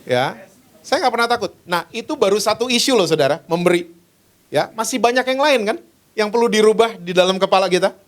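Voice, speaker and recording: Man, 50s, preacher, higher voice, animated storytelling sermon, church. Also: a little fast. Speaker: pastor.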